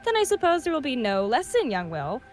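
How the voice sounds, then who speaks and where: A woman's voice: high-pitched, huge pitch swings, a little fast, a little hiss or hum, voice pushed up. A woman voicing a smug, teasing male swordsman villain as she reads fan fiction aloud, in a silky, mocking way.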